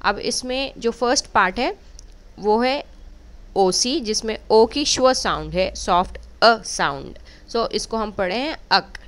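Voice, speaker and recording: Slow, clear-voiced woman teacher. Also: on the high side, lively intonation. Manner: clear, careful teacher-like explanation, slow drawn-out English words. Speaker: spelling teacher for children. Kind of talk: bilingual spelling lesson.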